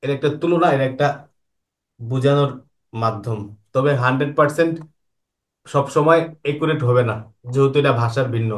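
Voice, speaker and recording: A man teaches an online Quran lesson. His pitch sits in an ordinary middle range. He poses questions and patiently answers them himself, going over each point slowly more than once. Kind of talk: online lesson explaining Arabic vowel marks.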